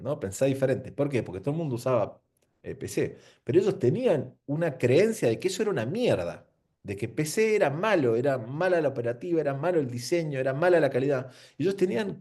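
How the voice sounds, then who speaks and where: An Argentine man gives an informal seminar talk on marketing. His pitch swings widely as he asks rhetorical questions and drops slang. The tone of his voice is warm and mellow. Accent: Argentine Spanish. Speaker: marketing speaker. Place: venue with an audience.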